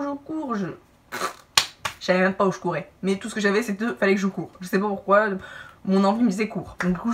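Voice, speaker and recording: Young woman vlogger, rapid animated storytime, mic a little off. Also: mid-range voice, far from the mic, slight background noise. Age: young adult. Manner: animated, lively asides and acted-out quotes. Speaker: YouTuber telling a personal story. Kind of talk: casual storytime to camera. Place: indoor room, brick wall behind.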